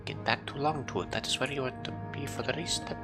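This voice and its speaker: A man's voice: medium pitch, a little fast, voice pushed up, close to an everyday voice. A man reading out the lines of a stern male barbarian hunt leader in a commanding, solemn way. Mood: urgent. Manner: commanding, solemn read-aloud delivery. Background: game music.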